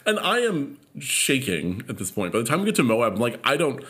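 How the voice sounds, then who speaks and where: Animated, profane storytelling man. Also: mid-range voice, a little fast. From California. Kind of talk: casual chat.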